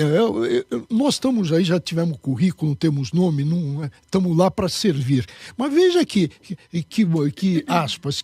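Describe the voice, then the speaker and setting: A man's voice: sits high, darkish tone, slightly rough, no room sound. A man answering as a guest in a political interview, emphatic and lecturing.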